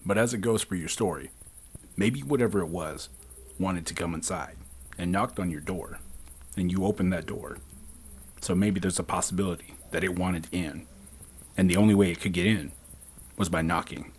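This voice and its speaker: A man's voice: low voice, moderate pace, pauses often, slight background noise. A man from the southwestern United States hosting a podcast in a conversational urban legend teller manner. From southwestern United States, Navajo Nation. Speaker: podcast host.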